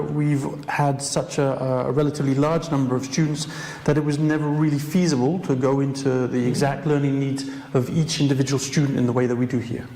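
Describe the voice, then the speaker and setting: Brief: articulate male teacher, mellow tone, reverberant room with faint background hum. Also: mid-range voice. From Ireland. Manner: measured, articulate, some hesitations. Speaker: head of the language department. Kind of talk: interview answers. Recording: echoey room with faint noise.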